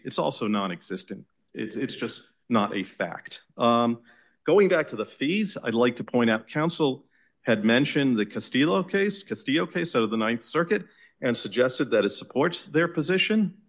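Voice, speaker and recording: A man with a Boston accent, an attorney making an oral argument before appellate judges in a measured, insistent way. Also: mid-range voice. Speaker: attorney arguing an appeal.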